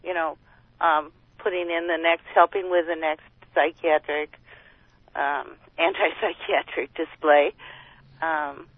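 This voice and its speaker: A woman calling in to a radio show over the phone, talking in a plain, unhurried way as an advocate. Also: low-pitched, level tone, no echo. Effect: phone line. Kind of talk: casual call-in chat. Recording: tinny phone line, dry.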